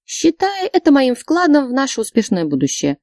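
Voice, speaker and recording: A woman voicing a blunt, energetic young female friend who talks brashly. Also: high voice, normal speed, dry recording, clean studio sound, pitched above the performer's own voice, heavily acted.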